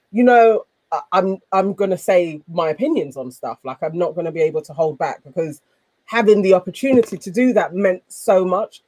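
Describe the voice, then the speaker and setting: A woman's voice: lowish voice, mellow, dry recording. Woman hosting, close dry sound. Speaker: panel show host. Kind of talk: casual chat and reading out viewer comments.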